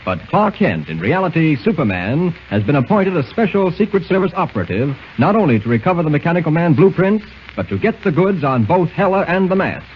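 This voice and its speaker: Brief: male narrator for a 1940s radio serial, lively rising-and-falling delivery, muffled old broadcast sound. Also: a little high. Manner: measured storytelling recap. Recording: dull, faintly hissy 1940s radio transcription.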